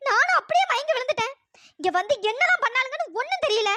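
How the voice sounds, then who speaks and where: A voice actor playing a suspicious, indignant young woman in a cartoon story, with a pitch-raised processed voice. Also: lively intonation, fast talker, heavy background noise. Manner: indignant, accusing.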